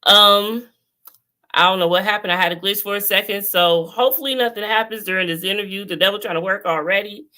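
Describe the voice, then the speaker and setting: A woman hosting a casual online interview, unhurried and quick to laugh. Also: medium pitch, sharp tone. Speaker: host.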